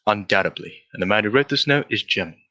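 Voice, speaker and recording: Voicing a brisk gentleman detective in a 1940s-type radio drama, a man sounds self-assured and exact, lecturing with a touch of condescension. His voice sits on the low side with lively intonation.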